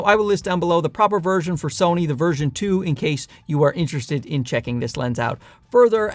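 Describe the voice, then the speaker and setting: A man's voice: fairly high pitch, dry recording. A man with a light, leprechaun-like voice gives a chatty, enthusiastic product review with dry, self-deprecating asides. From Newfoundland, Canada. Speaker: camera gear reviewer. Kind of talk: casual product review to camera.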